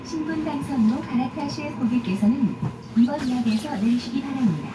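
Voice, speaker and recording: A woman's recorded in-train announcement naming the final stop over the carriage loudspeaker, slow and polite. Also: recorded from a distance. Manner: slow, polite, formal delivery. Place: inside a subway train. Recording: echoey loudspeaker in a noisy train car. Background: loud rumbling train noise.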